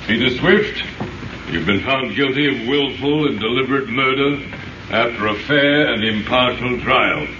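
A man's voice: mid-range voice, natural voice. A man playing a stern, unmoved judge in old radio drama, formal, solemn and dryly dismissive. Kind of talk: 1930s radio drama acting. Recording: echoey, distant, muffled, noisy old recording.

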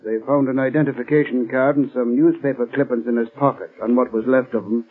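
Male actor as matter-of-fact policeman, medium pitch, husky, vintage muffled radio play. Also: steady tone, fast talker, natural voice. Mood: blunt, businesslike. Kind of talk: 1940s radio drama acting.

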